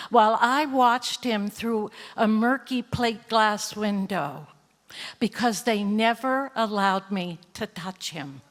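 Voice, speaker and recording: A woman's voice: medium pitch, in a large hall. An older woman telling a true story live on stage, wry and laughing, often correcting herself mid-sentence. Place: theater stage before an audience.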